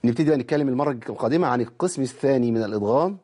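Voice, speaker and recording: A man's voice: medium pitch, racing, mellow, husky. A man with an Egyptian accent teaching the rules of Quran recitation, explaining verse lines in casual colloquial speech and quizzing his students. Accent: Egyptian Arabic. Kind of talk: religious lesson explaining verses.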